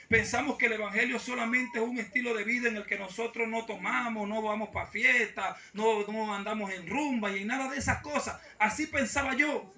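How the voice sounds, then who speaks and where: A man preaches to his congregation, his very high and bright voice calling to them again and again. He stands well back from the mic, and the church hall rings around him. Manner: preaching with repeated call-outs to the congregation. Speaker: pastor. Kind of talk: sermon. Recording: echoey church hall from far off.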